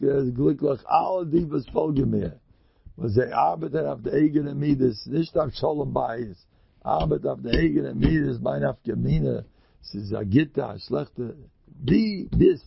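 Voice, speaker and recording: A man giving an informal religious talk with personal stories, halting with many restarts and repeated words. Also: a little high, creaky, slightly rough, no echo, highs cut off. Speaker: religious speaker.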